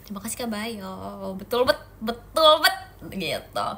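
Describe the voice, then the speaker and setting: A fairly high, sing-song voice, bright and forceful in tone and a little slow, belongs to a young Indonesian woman hosting an idol phone livestream. She chats playfully, teases viewers and responds to their comments.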